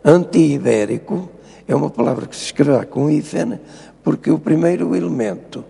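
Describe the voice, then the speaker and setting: Gravelly older professor, didactic. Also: male voice, a little high, moderate pace, warm tone, long reverb tail. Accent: European Portuguese. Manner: didactic, lecturing, insistent. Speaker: linguistics professor, guest. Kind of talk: TV studio interview.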